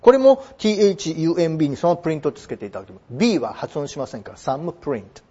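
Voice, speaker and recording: A man explaining English vocabulary in a chatty lesson, slowing down to spell out words. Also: on the high side, sing-song, dark tone, husky. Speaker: English teacher. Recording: dull lo-fi recording.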